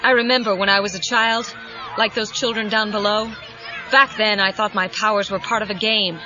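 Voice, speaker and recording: A woman's voice: medium pitch, fairly even intonation, moderate pace, lightly acted. A woman as Wonder Woman, noble, over music. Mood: wistful, proud. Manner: formal, reflective. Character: noble, wistful Amazon warrior princess superheroine. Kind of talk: audio drama monologue. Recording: dull cassette sound, music behind.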